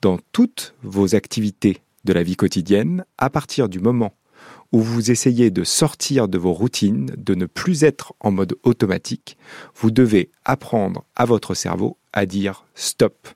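A male professor talks listeners through the brain in a calm, measured, scripted narration. His voice sits low and carries a slightly breathy, husky edge. The sound is dry and close, with no room around it. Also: dry recording. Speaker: psychology professor.

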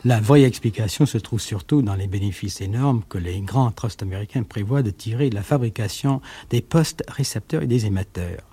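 A man speaking in a measured documentary style, with occasional fillers, on an archive radio recording. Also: lowish voice, dark tone, husky, dry recording. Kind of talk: explanatory radio documentary talk.

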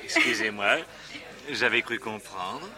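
Low, courteous poet. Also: male voice, expressive, slow. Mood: polite puzzlement. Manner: polite, formal. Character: courteous, earnest male poet. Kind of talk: theatrical radio drama acting. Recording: crowd noise behind.

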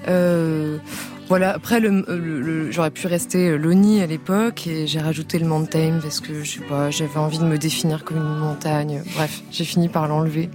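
A young woman from France, a singer being interviewed on radio, talking softly and hesitantly with frequent laughs. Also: sits low, steady tone, normal speed, over music. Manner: hesitant, soft-spoken, laughs often. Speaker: singer guest.

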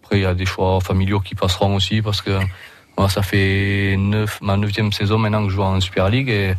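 A man's voice: lowish voice, monotone, fairly quick. A man in his thirties with a Roussillon French accent, a rugby league player talking casually as a radio guest, hesitant and full of restarts.

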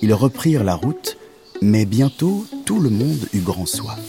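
A man narrating a children's story in a gentle, expressive storytelling manner. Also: on the low side, measured pace, gravelly, over music.

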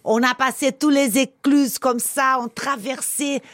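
A woman's voice: sits high, fairly even intonation, measured pace, fairly bright tone, no room sound, studio quality. Effusive woman with a foreign accent in French. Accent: foreign accent in French, not Parisian. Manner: effusive, emphatic. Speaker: interview guest. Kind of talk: casual chatty radio interview. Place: radio studio, close and dry.

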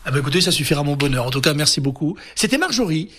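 A man's voice: a little high, big pitch swings, very fast, a bit bright. A man hosting a casual radio interview, chatty and teasing with his guest. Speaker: radio host and reporter.

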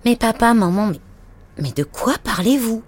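Storybook little boy, eager and pleading, pitched high, voiced by a woman, over music. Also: lively intonation, normal speed, slightly rough. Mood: puzzled. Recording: music playing underneath.

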